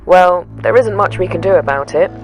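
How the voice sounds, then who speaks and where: A calm male police dispatcher talks a caller down, steady and matter-of-fact, as a woman reading a spooky story puts him on. His tone stays soothing and even, close to the narrator's own lowish voice. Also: moderate pace, soft background music, natural voice.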